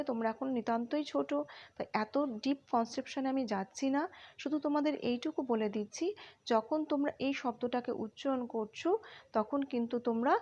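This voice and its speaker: A woman's voice: high voice, a little mellow, highs cut off. Patient woman teacher quizzing young pupils. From West Bengal, India. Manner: patient, asks questions then answers them herself. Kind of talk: explaining a school worksheet to young pupils.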